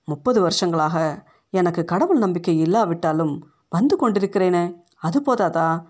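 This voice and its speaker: A woman's voice: fairly low pitch, lively intonation, moderate pace, darkish tone. A woman voicing a bitter, defiant aging schoolteacher with a scornful, cutting way of speaking.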